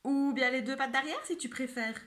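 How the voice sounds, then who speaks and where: A woman voicing a chatty, easily startled little female mouse, high and flustered. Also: normal speed, a bit bright.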